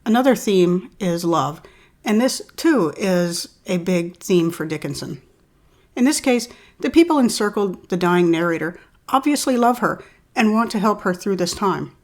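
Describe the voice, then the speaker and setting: A woman reading a poem aloud and then explaining it in a calm, measured way, like a literature teacher. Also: fairly low pitch. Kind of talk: poetry reading and analysis.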